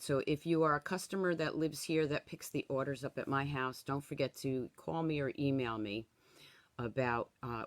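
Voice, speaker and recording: A woman in her sixties hosts a live-streamed craft tutorial, demonstrating stamping at her craft table in a friendly, chatty, easygoing way and tagging her instructions with "okay?". Her voice is deep and a bit bright, though a little hoarse from a cold. The audio is close and dry, with no room echo.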